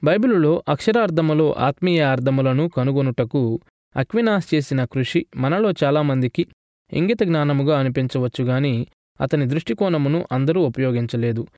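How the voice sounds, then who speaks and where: Male lecturer, voice a touch high, measured scripted delivery, dry booth sound. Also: lively intonation, a little mellow, no echo. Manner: measured, formal reading.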